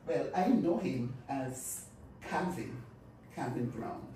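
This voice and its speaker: A woman's voice: very deep voice, expressive, takes it slowly, mellow. An older woman with a Caribbean accent, chatty and given to repeating phrases, hosting a casual radio interview. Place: radio studio. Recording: echoey, distant mic, clear background noise.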